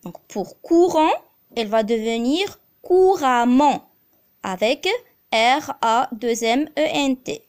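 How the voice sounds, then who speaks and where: A woman's voice: fairly high pitch, slow. A woman teaching a grammar lesson as a voice-over, spelling out letters and repeating each example.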